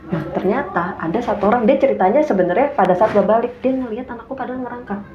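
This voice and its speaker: A young woman tells a story in Jakarta slang at a quick clip. She is animated and acts out what people said. The recording is roomy and a little muffled. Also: fairly high pitch. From Indonesia. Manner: animated, acts out quotes in a raised voice. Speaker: guest. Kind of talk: casual storytelling. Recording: echoey room, dull sound, faint hum.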